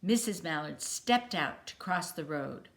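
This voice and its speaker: A woman reading a children's picture book aloud with expressive, deliberate phrasing. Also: deep voice. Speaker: storybook reader.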